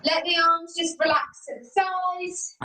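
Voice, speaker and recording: High, bright-voiced woman leading a video-call workout. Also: flat delivery, unhurried, slight background noise. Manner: encouraging, cueing each move step by step. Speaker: fitness instructor. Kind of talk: leading a live exercise class. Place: home. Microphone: video call from a laptop or phone camera. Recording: roomy video call audio from a distance.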